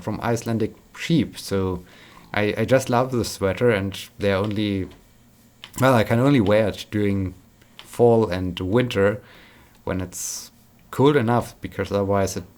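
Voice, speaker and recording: A man's voice: fairly low pitch, darkish tone. A man chatting casually while playing a game, rambling and repeating words, tired but upbeat. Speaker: gaming vlogger.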